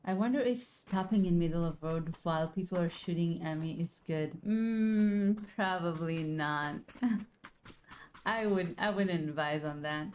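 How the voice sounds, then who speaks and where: Slow, mellow-voiced woman gaming on a headset. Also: on the low side, a little hiss or hum. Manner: relaxed, chatty, laughs often. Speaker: gaming streamer. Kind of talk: casual chat to viewers while gaming. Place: home.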